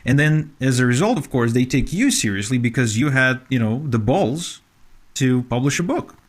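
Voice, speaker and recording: Interview guest, man from Ukraine, mid-pitched, earnest and chatty with lots of restarts. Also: animated, normal speed. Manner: earnest, with frequent fillers and restarts. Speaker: podcast guest, author. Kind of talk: conversational interview.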